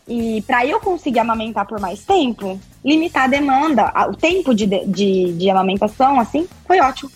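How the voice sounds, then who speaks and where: A woman, a podcast guest telling her story in an expressive, chatty way with lots of tag questions. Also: fairly high pitch, a little fast, few pauses, slightly rough, soft background music. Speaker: podcast guest, breastfeeding consultant. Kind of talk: casual interview chat.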